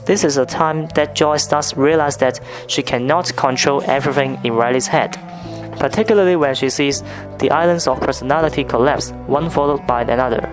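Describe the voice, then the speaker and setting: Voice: mid-range voice, a little fast. Scripted film review narrator over music. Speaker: video essay narrator.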